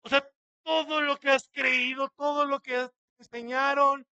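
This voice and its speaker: A man's voice: very high-pitched, flat delivery, measured pace, bright, forceful tone, no room sound, dull audio. A man, a pastor preaching a sermon dramatically, acting out quotes and asking many rhetorical questions.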